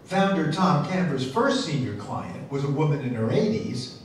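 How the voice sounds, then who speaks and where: A male reporter narrating a news feature in a measured, crisp way. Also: fairly high pitch, expressive. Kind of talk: scripted narration. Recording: echoey, distant, noisy.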